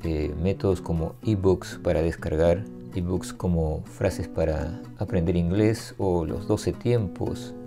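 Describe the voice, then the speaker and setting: A man teaching English grammar to learners, explaining patiently step by step and repeating example phrases slowly. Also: sits low, creaky. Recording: soft guitar music behind.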